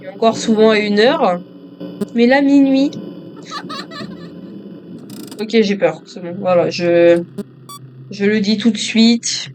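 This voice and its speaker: A man's voice: sits high, fairly even intonation, a little slow, darkish tone. A male gamer doing joking commentary on a horror game, talking to himself and to viewers as he plays.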